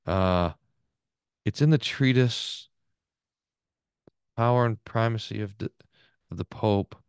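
A man's voice: on the low side, slow, clear, resonant tone, dry recording, studio quality. Man teaching a Bible class. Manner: lively, repeats words and restarts while thinking aloud. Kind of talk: Bible class teaching, reading aloud and explaining.

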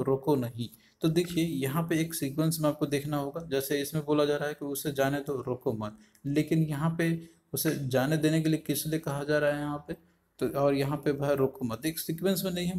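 A man's voice: mid-range voice, darkish tone. A man giving an online exam-prep lesson, reading each answer option aloud and explaining it in a repetitive, explanatory way. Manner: explanatory, repeats each option aloud, frequent fillers like "aapka". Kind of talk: online lesson walking through exam questions.

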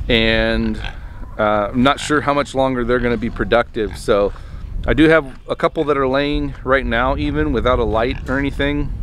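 A homestead vlogger in his thirties rambles casually to a handheld camera held at arm's length, outdoors on his farmstead, with lots of ums and restarts. His voice sits in the mid-range, and there's slight background noise.

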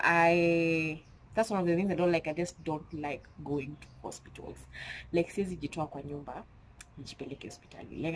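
A young Kenyan woman talks to her camera at home, her low voice congested from a cold. Her chat is emphatic and easygoing, slipping into Swahili slang, with a faint hum of room noise behind her. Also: poor audio. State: stuffy nose from a cold. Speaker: vlogger.

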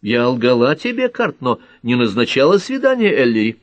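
A man's voice: medium pitch, big pitch swings, normal speed, dry recording, voice pushed up, natural voice. A man voicing an anxious, tearful young woman in an audiobook, speaking in a pleading, emotional way. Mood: indignant.

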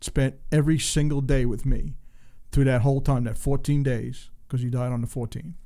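A man's voice: medium pitch, flat delivery, normal speed, dark tone. A man in his sixties from Long Island, New York, a former race car driver telling rambling stories as a guest and acting out the voices he quotes. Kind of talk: casual storytelling interview.

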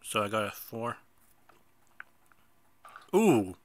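Here a male gameplay host talks in a lowish, very animated voice at an extremely slow pace, recorded dry. He has a stuffy nose and chats casually over a mobile bowling game, teasing himself and suddenly exploding at his misses.

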